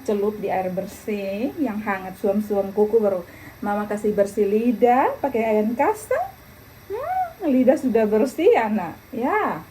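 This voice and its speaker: Chatty mom vlogging at home. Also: female voice, mid-range voice, a little slow, a little hiss or hum. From Indonesia. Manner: chatty, coos softly to her baby, sometimes drops to a hush. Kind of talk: casual home vlog talking to viewers.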